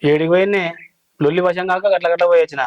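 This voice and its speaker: A man plays a henpecked village husband, whining and complaining. His voice is fairly high and quick, close and dry. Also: steady tone, no echo, lo-fi sound, natural voice. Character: hungry, henpecked village husband with two wives.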